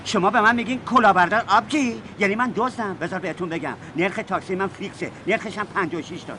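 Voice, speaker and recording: An actor dubbing a loud, boastful taxi driver who argues over the fare. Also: male voice, high-pitched, background noise, close to an everyday voice. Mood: indignant. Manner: loud, brash, bargaining. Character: boastful fast-talking male taxi driver, film fan. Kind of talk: Persian film dub.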